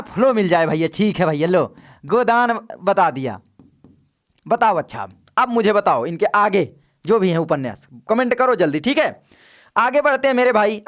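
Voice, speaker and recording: A man's voice: sits high, a bit bright. A young man teaching a chatty exam revision lesson, coaxing students to answer in the comments.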